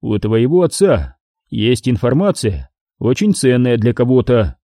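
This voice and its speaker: A man reading an audiobook voices a calm, firm Jedi master in close to his own voice. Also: medium pitch, a little slow, no room sound. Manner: firm, businesslike.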